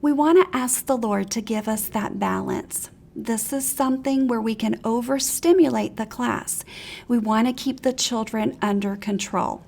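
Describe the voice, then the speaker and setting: A woman's voice: a little high, measured pace, gravelly. A woman teacher trainer giving an encouraging, practical seminar talk to preschool teachers. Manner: encouraging, practical, animated examples.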